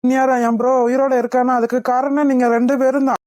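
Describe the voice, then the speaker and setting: A polite young woman from a cartoon, voiced by a woman, speaking earnestly to an elder. The voice is mellow and slightly high, with a dry sound. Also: little pitch movement, fast talker, dry recording, natural voice. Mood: grateful.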